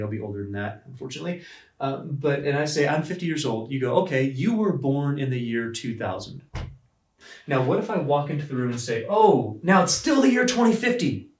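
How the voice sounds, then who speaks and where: A man in his forties teaching a math class at a whiteboard, talking with emphatic energy and acting out the questions students ask. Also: mid-range voice. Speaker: math professor. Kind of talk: classroom lecture. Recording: roomy classroom with some distance.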